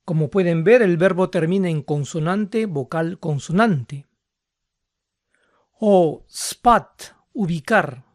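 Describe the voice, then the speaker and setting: Brief: unhurried language teacher, mid-range voice, dry close sound, methodical delivery. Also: mid-range voice, no echo. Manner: slow, deliberate, spells out rules step by step. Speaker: English teacher. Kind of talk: instructional lesson.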